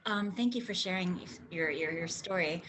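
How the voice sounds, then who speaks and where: A woman's voice: fairly low pitch, moderate pace, fairly bright tone. A woman hosting a webinar interview who speaks hesitantly, with frequent "um"s, as she introduces and questions her guest. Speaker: interview host.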